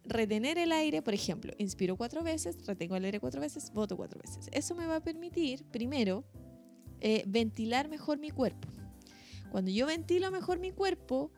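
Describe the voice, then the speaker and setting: A woman with a Chilean accent, a teacher explaining voice technique step by step in an emphatic, animated casual chat. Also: high voice, normal speed, faint music behind. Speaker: teacher and voice coach.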